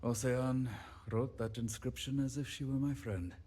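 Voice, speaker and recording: A man's voice: medium pitch, steady tone, dark tone, natural voice. An actor playing a fretful, apologetic male handyman who rambles and talks himself down, in video game dialogue. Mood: bitter. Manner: rambling, self-deprecating, quick to apologize.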